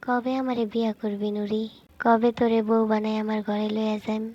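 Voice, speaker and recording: A woman's voice: on the high side, flat delivery, fairly quick, mellow, lo-fi sound, pitched below the performer's own voice, lightly acted. A woman voicing a teasing, lovesick young village man in a fan-fiction audio story, speaking a rural Bangladeshi dialect. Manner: pleading, playful teasing.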